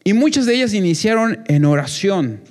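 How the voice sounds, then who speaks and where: A man's voice: sits high, big pitch swings, normal speed, darkish tone. A young man preaching a sermon to a congregation, earnest and repetitive, often restarting his phrases. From Mexico. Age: young adult.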